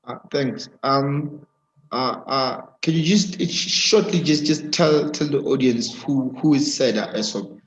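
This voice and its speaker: Over a shaky online video call, a webinar host in a mid-range voice runs a live interview, stumbling through lots of fillers and restarts. The call audio comes through dull and muffled.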